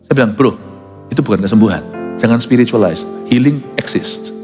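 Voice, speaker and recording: A male pastor preaching emphatically, mixing English phrases into his sermon and swinging from low asides to loud high peaks. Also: a little fast. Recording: long hall reverb with soft music behind.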